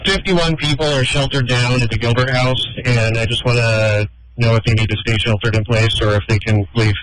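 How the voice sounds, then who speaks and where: A man's voice: mid-range voice, fairly even intonation, normal speed, fairly bright tone, no room sound, poor audio. A man working as an emergency responder, making procedural, matter-of-fact police radio calls over a two-way radio.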